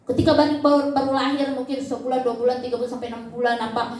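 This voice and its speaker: High-voiced woman in an echoey church. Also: fairly even intonation, racing, darkish tone. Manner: chatty, with frequent fillers and acted quotes. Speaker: church speaker giving a testimony. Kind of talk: sermon testimony. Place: church service hall.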